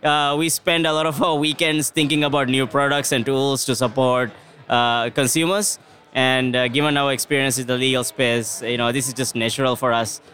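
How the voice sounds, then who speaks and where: A man who manages technology operations, answering interview questions in an earnest, steady way with fillers. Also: mid-range voice, normal speed.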